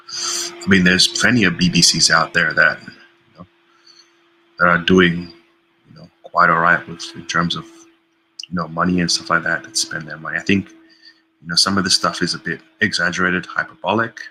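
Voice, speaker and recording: A man giving casual stream commentary on a clip, measured and hedging with frequent fillers. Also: low-pitched, sharp tone, a little hiss or hum, poor audio.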